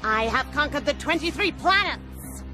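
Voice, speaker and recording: A woman's voice: sits high, expressive, moderate pace. A woman playing a boastful, haughty villainess in an anime dub, theatrical in delivery. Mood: indignant, boastful. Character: boastful, haughty villainess, insect-commanding conqueror. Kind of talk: English anime dub acting. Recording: loud music behind the dialogue.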